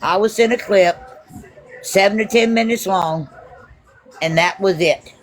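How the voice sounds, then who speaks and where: A woman's voice: mid-range voice, a little slow. A woman on a live audio panel whose call keeps breaking up and dropping out, speaking in brief, fragmentary bits. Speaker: panel participant. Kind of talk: casual live audio chat. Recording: distant, noisy, dropping connection.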